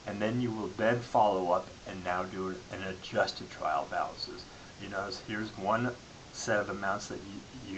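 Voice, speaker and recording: A man giving an explanatory lecture as a college instructor, halting and restarting phrases as he goes. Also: low voice, a bit bright, low-quality recording. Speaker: accounting lecturer. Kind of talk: classroom-style lecture. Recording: clearly audible background hiss.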